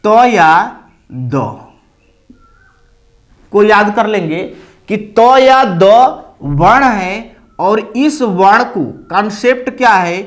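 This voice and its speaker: A man with a very high voice and an eastern Uttar Pradesh accent teaches a classroom Hindi grammar lesson. He talks slowly, explaining step by step. He often asks a question and then answers it himself. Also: animated.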